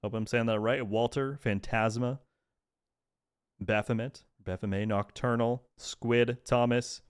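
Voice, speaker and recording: A man's voice: mid-range voice, steady tone, unhurried, clean tone. A man streaming a video game, chatting casually and thanking viewers by name. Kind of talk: casual live-stream chat.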